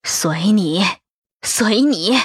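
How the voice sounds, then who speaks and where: A woman voicing a weary old grandmother in an audiobook, speaking slowly and softly with sighs. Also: mid-range voice, animated, breathy edge, no echo, studio quality, exaggerated voice. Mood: weary, resigned. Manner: slow, sighing, soft.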